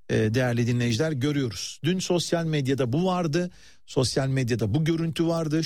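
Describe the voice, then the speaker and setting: A man's voice: medium pitch, darkish tone, no room sound, clean studio sound. A man presenting live radio news with commentary, addressing listeners in a hesitant, conversational way and turning to colleagues mid-broadcast.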